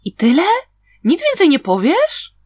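A woman's voice: sits high, wildly swooping pitch, unhurried, darkish tone, no room sound, voice pushed up, exaggerated voice. A woman voicing a brash teenage boy. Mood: indignant. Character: brash teenage boy disciple, blunt and curious. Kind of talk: audiobook reading.

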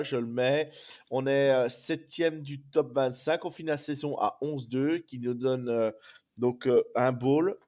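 Male host, casual sports fan show, slightly hoarse, rambling and repetitive, mid-pitched. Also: darkish tone. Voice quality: hoarse from a cold.

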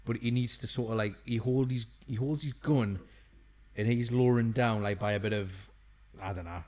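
A man's voice: mid-range voice, moderate pace, darkish tone. Easygoing man, casual podcast co-host. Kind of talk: casual film chat.

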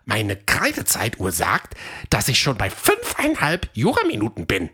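A woman voicing Fred, a fast, eager male dinosaur runner in a children's audio story, in a high, excited voice. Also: slightly rough, exaggerated voice.

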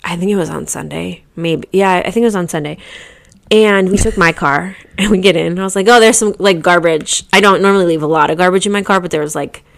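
Chatty mom co-hosting a podcast. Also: female voice, on the low side, quick pace, creaky. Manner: chatty, storytelling with many fillers and restarts. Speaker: podcast co-host. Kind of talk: casual chat.

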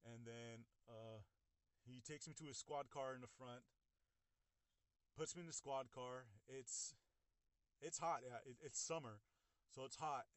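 A young man casually recounting his own experience in the first person, halting and full of fillers and restarts, with blunt, profane wording. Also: mid-range voice, no room sound.

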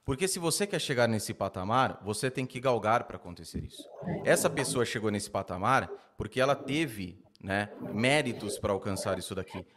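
A man hosting a podcast, chatting casually in a slangy, animated way. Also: lowish voice, normal speed. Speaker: podcast host.

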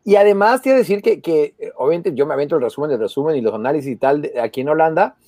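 A man's voice: on the high side, lively intonation, rapid-fire, mellow, dry recording, clean studio sound. A man, a football correspondent in casual sports talk, chatty and hesitant with repeated words. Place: abroad, in the Netherlands.

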